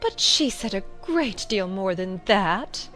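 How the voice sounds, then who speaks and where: A woman's voice: mid-range voice, lively intonation, slow, a bit bright, faint music behind. A woman playing a feeble, plaintive, dithery queen in a dramatized storybook.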